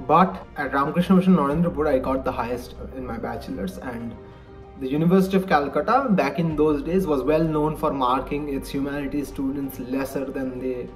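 A young Indian man in his twenties, a native Bengali speaker with an Indian English accent, earnestly shares advice in a personal vlog; he's a vlogger and college lecturer. He sits in a bookshelf-lined home study, framed head and shoulders webcam-style, and his medium-pitched voice comes through on poor audio.

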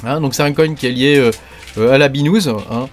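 A crypto YouTube host with a mid-range voice talks fairly quickly in a joking, casual video over a light music bed. He rambles and chats, leaning heavily on fillers and verbal tics.

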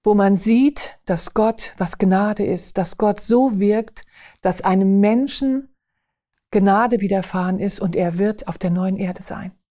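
A woman's voice: mid-range voice, dark tone. Earnest woman telling a faith story. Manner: earnest, emphatic, slows down on key phrases. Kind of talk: personal testimony storytelling.

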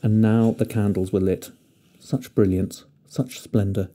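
A man narrating a fairy tale with gentle, expressive storytelling. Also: fairly low pitch, a little slow.

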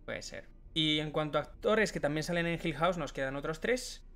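A man's voice: a little high, normal speed, a bit bright. A man from co-hosting a podcast, chatting casually and explaining things at length. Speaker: podcast co-host. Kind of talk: casual chat.

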